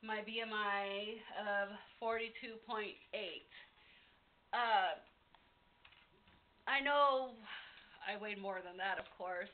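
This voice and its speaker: A woman's voice: mid-range voice, fairly even intonation, slow pace, pauses often. A woman giving a casual, candid, rambling update to viewers in an unscripted vlog style. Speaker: vlogger. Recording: tinny phone-like sound, background hiss.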